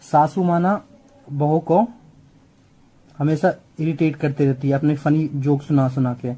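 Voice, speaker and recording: A young man walks students through exam memory tricks, and his voice sits slightly high. The tone is soft and mellow. He keeps repeating key terms and checking that everyone is following. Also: steady tone, measured pace. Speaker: biology tutor. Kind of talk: exam mnemonic lesson.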